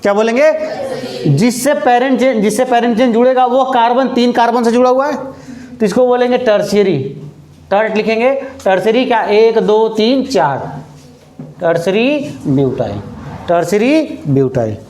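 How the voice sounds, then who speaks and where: High-voiced man teaching chemistry, echoey room. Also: darkish tone, slight background noise. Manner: asks questions and answers them himself, repeats key terms; slows down while writing on the board. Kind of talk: classroom lecture.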